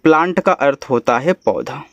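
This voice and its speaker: A man's voice: mid-range voice, lively intonation, normal speed, vocal fry, no echo, highs cut off. A man with a Hindi accent teaching English reading, spelling each word out letter by letter and then explaining it patiently.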